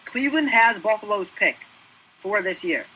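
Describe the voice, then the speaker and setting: A young man co-hosting a casual sports podcast, chatty and quick with jokes and side remarks. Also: sits high, lively intonation, sharp tone, a little hiss or hum, poor audio. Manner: chatty, jokey interjections. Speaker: podcast co-host.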